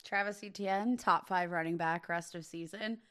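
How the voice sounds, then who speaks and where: Slightly hoarse woman co-host. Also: lowish voice, moderate pace. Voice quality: relaxed, loose delivery with "um" and "like". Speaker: podcast co-host. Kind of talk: casual chat.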